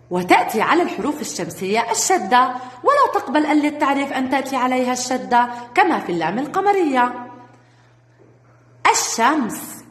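A woman's voice: sits high, fairly bright tone. A woman teaching young children a reading lesson, encouraging and sing-song, praising them often. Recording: echoey room with long reverb.

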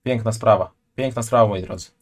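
A man's voice: fairly low pitch, fairly quick. A man in his twenties, joking and chatting loosely while reacting to a video on a live stream from a small room at home, speaking into a headset. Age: 20s. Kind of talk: casual live-stream commentary.

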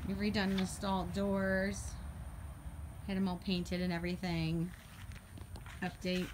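A woman giving a casual walkthrough of her horse barn on a handheld phone, chatty and quick to laugh as she points things out. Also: lowish voice, completely flat delivery, background noise. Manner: chatty, laughs often, lists items as she goes. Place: horse barn, paddock and tack room, in and out of doors. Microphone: handheld phone camera.

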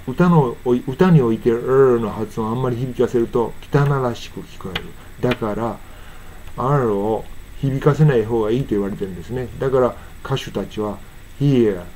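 A man's voice: medium pitch, a little mellow, slight background noise. Man teaching song pronunciation. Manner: explains slowly, then sings lyric lines in English. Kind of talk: casual pronunciation lesson with sung examples.

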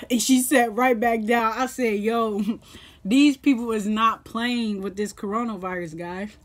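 A woman's voice: on the high side, fairly even intonation, measured pace. A young woman vlogging at home as she eats, chatting in a rambling way and laughing often, recorded by a camera on the table. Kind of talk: casual mukbang chat. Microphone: camera set up on the table.

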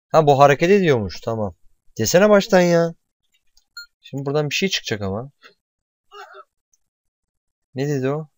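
A young man commentating a video game at home, excitable and swearing, sometimes shouting at the screen. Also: lowish voice, no echo, clean studio sound. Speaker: gamer.

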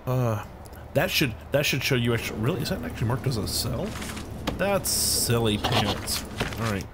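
A man hosts a let's play with lively intonation, a medium pitch and a moderate pace. Recovering from illness, he sounds a bit scratchy as he rambles, thinks aloud and hums filler tunes during his casual gameplay commentary.

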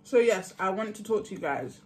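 A young woman chatting casually to her viewers while eating, easygoing and quick to laugh. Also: mid-range voice, lively intonation. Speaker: vlogger. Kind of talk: casual mukbang chat.

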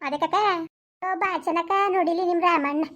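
A woman in a village comedy sketch who scolds and consoles in rapid bursts. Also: extremely high pitch, steady tone, a bit bright. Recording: dull lo-fi sound.

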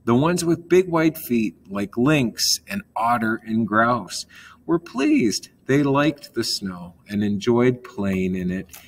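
A man reading a children's story aloud in a calm manner, gently explaining words along the way. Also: medium pitch, slow.

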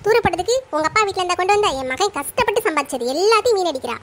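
A woman's voice: very high voice, animated, racing, fairly bright tone. A woman voicing a strict, grumbling middle-aged cartoon mother-in-law who nags and complains in Tirunelveli Tamil. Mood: scolding. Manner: nagging, complaining, bossy.

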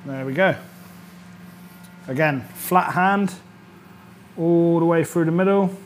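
On an indoor kitchen studio set, a thirtysomething British chef presenting a cooking series talks slowly in a voice on the high side. He walks through an informal demonstration in a chatty, instructional manner, frequently checking with "all right?" Slight background noise comes through.

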